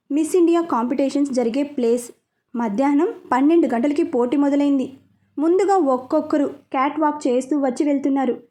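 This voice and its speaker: A woman narrating a serialized story with a steady, plain storytelling delivery. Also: high-pitched.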